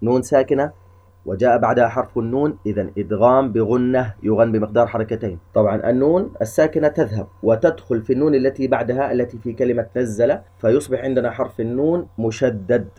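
A man teaching Quran recitation rules step by step, explaining each rule methodically before drawing out the examples slowly. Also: medium pitch. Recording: dull lo-fi recording.

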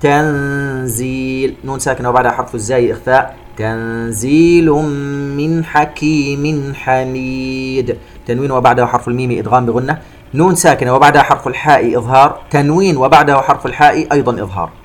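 A man's voice: medium pitch, slight background noise. Man teaching tajweed recitation. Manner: drawn-out chanted recitation alternating with quick plain explanations. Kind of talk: tajweed lesson, reciting slowly then explaining rules.

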